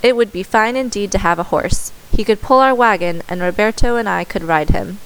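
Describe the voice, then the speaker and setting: A woman's voice: mid-range voice, brisk, clean tone, lightly acted, rough recording. A woman reading the lines of a proud, boastful eldest farm son in a storybook, in a mocking manner.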